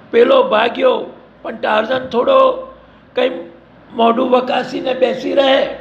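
A man's voice: very high voice, vocal fry. A man narrating an adventure story in a vivid, emphatic storytelling manner. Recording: dull lo-fi recording.

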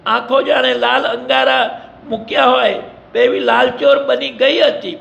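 High, gravelly male storyteller. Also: fairly even intonation, a little slow, a bit bright. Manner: vivid, dramatic storytelling. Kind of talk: dramatic storybook narration. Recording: echoey, dull lo-fi recording.

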